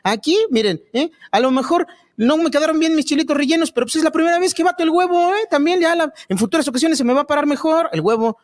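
A man's voice: very high voice, quick pace, pitched above the performer's own voice. A man doing a crude boastful Mexican taquero. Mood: defiant. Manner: crude and swaggering, ends lines with a nagging "eh?". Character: boastful crude male taco cook, touchy and defiant. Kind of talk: comedy sketch re-creation.

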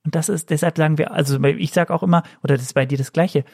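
Deep, gravelly, husky woman. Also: steady tone, fast talker. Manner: constant agreeing murmurs, warm backchannel. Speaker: podcast guest and video creator. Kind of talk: casual chat.

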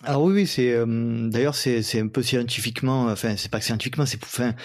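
A man's voice: mid-range voice, brisk, dry recording, clean studio sound. A man hosting a trail running podcast, chatting casually with many fillers and restarts.

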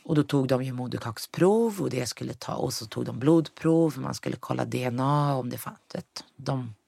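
A woman's voice: very deep voice, gravelly, dark tone, husky, no room sound. A young woman telling a personal story in conversation, often acting out what people said and dropping in English words. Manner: retells events with quoted dialogue, mixes in English words. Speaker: guest.

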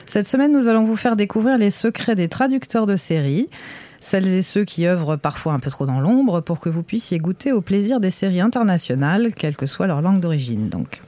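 Woman, podcast host, mellow warm voice, articulate, lightly playful. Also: mid-range voice, animated, fairly quick. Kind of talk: scripted podcast intro and interviewing.

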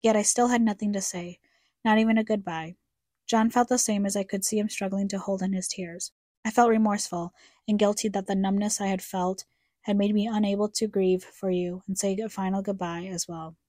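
Young woman narrator for a grief podcast: mellow, dry close voice, reflective and somber. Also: medium pitch, steady tone, brisk, dry recording. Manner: somber, reflective, addressing her late mother. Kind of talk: scripted personal narration.

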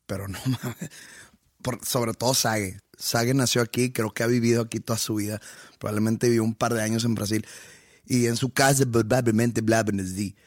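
A man in a loose podcast chat who prods and challenges his co-host and throws around crude slang. His voice sits at a middle pitch, and the sound is dry and up close. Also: fairly even intonation, brisk, dry recording. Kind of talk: casual chat.

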